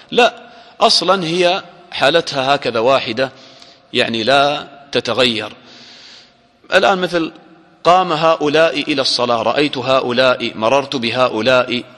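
A man teaching a grammar lesson to a class, quizzing listeners with short questions and drawing out example words slowly. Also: mid-range voice, pushed and bright. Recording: long hall reverb.

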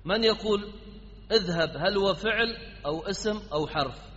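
A man's voice: high-pitched, normal speed, fairly bright tone. A man teaching an Arabic grammar class, quizzing his students and prompting them with repeated questions. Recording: dull lo-fi sound in a reverberant hall.

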